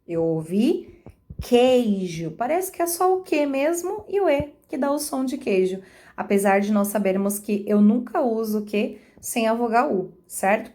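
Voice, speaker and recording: A woman teacher with a Brazilian Portuguese accent explaining a grammar lesson to her students. She stretches example words out slowly and keeps checking that they follow along. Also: on the high side, animated, mellow. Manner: slow, drawn-out sounding of example words. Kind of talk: online class explanation.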